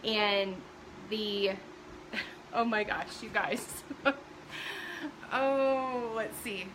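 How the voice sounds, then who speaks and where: A woman's voice: mid-range voice, extremely slow, noisy background. A middle-aged woman hosting a casual live stream from home, chatty and full of fillers, greeting viewers by name.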